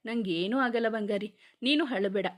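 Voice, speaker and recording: A woman's voice: a little high, normal speed, close to an everyday voice. A woman reading the lines of a short-tempered young male police officer, speaking firmly and scolding. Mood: stern. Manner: firm, scolding, forceful delivery.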